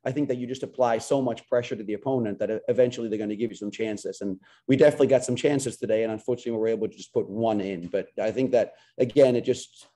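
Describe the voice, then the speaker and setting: A man in his forties, a head coach, answers post-game press questions over a video call from a small locker room, his webcam picking up a lowish, mellow voice. He talks quickly with few pauses, earnest throughout, often repeating words as he restarts sentences.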